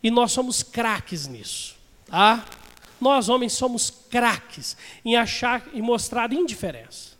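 Pastor guy preaching, really high voice, keeps asking the crowd stuff, long echo from the church hall. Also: expressive, a little slow, fairly bright tone. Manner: chatty, asks the congregation questions. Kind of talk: sermon.

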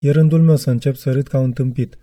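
Very dark, measured male audiobook reader. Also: mid-range voice, steady tone, no echo, studio quality. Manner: measured, reflective reading. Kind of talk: literary audiobook narration.

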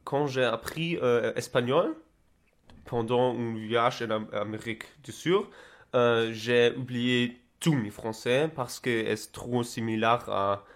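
A young German man talks casually in broken French, with a German accent coloured by Spanish. His delivery is slow and halting, in a medium pitch, and he often repeats words as he searches for the next one. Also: steady tone. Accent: German with Spanish influence. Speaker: interviewee recounting travels. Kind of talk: casual conversational interview.

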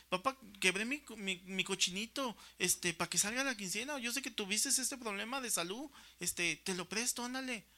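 A man's voice: high-pitched, pushed and bright. An older man with a Mexican Spanish accent preaching a sermon in a conversational way, often checking in with his listeners. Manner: conversational, constant tag questions.

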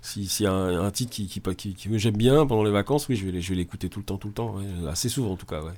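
A man's voice: on the low side, quick pace. A man co-hosting a radio show, chatting casually and repeating words as he searches for them. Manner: hesitant, repeats words, lively.

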